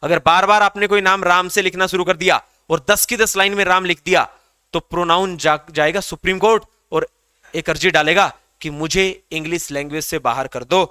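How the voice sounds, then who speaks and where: A man gives a grammar lecture in a high, bright voice. His tone is crisp and clear, and the recording is close and dry with almost no room sound. He drills the class by asking questions and answering them himself. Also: no room sound. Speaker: English grammar teacher.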